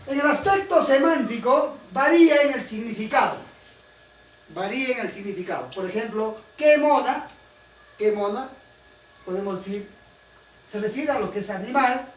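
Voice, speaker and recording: A man's voice: very high voice, fairly bright tone. A man with a Peruvian Spanish accent from Huancayo, teaching a class in an emphatic way and often asking students to confirm. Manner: emphatic, keeps checking with students. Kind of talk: classroom lecture. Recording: roomy, distant, faint room noise.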